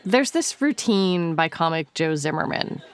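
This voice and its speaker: A woman's voice: low-pitched, expressive, unhurried, smooth. A woman with an American accent presenting a podcast as host, in scripted narration.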